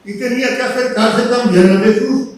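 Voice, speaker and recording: High-voiced preacher in an echoey room. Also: male voice, fairly even intonation, normal speed. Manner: voices the cries of the story louder, drops to soft asides. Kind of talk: sermon retelling scripture. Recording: roomy echo from a distant mic with faint ambience.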